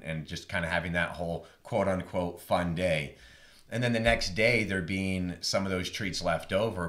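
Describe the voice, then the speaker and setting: A man hosting a podcast who speaks in an agreeable, rambling way, with halting restarts and frequent "right?". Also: low voice, a bit bright. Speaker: podcast host. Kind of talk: casual podcast conversation.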